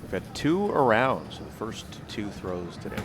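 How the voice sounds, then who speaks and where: A low-voiced American man does live sports commentary with lively swings in pitch. Clear event noise sits behind him as he calls the play. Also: moderate pace. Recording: noisy outdoor event ambience.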